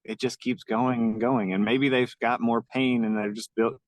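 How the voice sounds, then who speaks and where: A man co-hosting a podcast, reflecting gently and encouragingly in casual conversation. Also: mid-range voice, little pitch movement, moderate pace, no echo, low-quality recording. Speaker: podcast co-host.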